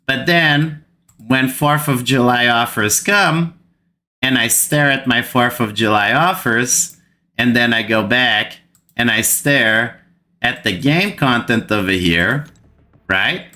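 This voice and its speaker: A Brazilian man whose first language is Portuguese hosts a gaming channel, ranting to the camera in frustration and repeating words for emphasis. His voice is mid-range, slow and sharp.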